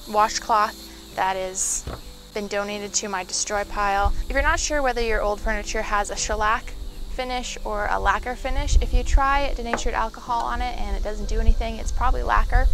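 A woman's voice: fairly high pitch, noisy background. A woman vlogging her furniture flip, chatting casually through each step with some ums and asides. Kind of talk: casual how-to explanation. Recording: background music. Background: background music.

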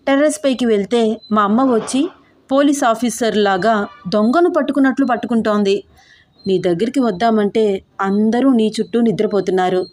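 Woman doing a cheeky young husband, bossy teasing, mellow low-ish voice, audio story. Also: natural voice.

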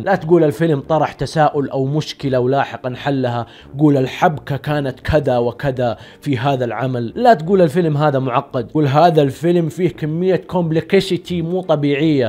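A man's voice: fairly high pitch, darkish tone. A young man giving sarcastic mock advice in a teasing comedy monologue. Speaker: comedy YouTuber.

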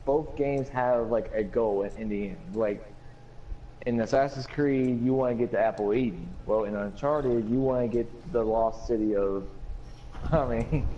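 A young man chatting casually on a gaming podcast, his voice mellow and dark in tone. He rambles, restarting sentences and filling gaps with "uh" and "like". A faint hiss of noise sits under the recording. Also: mid-range voice, moderate pace, lo-fi sound. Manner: rambling, many fillers and restarts. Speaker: podcast co-host.

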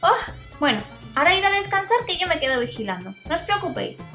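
A woman voicing excitable, anxious little boy puppies in a toy-play story for children. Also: very high-pitched, fast talker, full character voice. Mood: wary. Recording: roomy echo, music behind.

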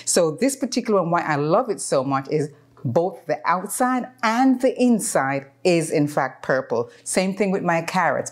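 A woman in her fifties hosting a casual home cooking video, chatting and explaining as she works, with frequent ums, recorded in her home kitchen. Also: low-pitched. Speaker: cooking channel host.

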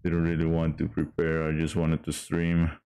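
A man's voice: rumbling low, monotone, moderate pace, mellow, smooth, faint music behind. A man streaming a game in casual chat, hesitant with many fillers and restarts.

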